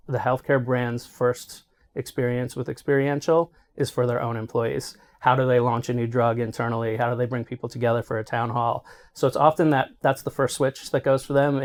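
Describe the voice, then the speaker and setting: A middle-aged man answering interview questions as an executive, explaining conversationally and often checking in with "right?". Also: mid-range voice. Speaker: healthcare marketing executive being interviewed.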